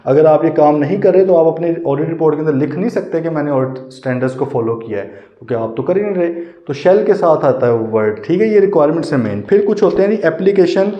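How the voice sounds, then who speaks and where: A man's voice: fairly high pitch, lively intonation, a little fast. A man teaching an online audit lecture, explaining each point by rephrasing it and checking in with the class. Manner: explains by rephrasing and repeating points, asks "ठीक है". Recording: dull lo-fi sound in a roomy space.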